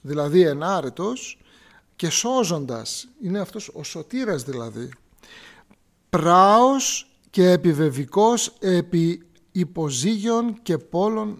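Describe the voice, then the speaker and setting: A man's voice: high voice, creaky. A male priest giving a sermon in church, explaining scripture word by word and repeating key phrases to drive them home.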